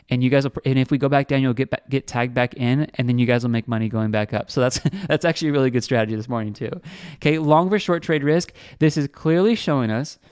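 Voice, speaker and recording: A young man hosting a crypto trading channel, giving fast, excitable screen-share market commentary and talking straight to his viewers. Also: medium pitch, clear, resonant tone, no room sound, studio quality.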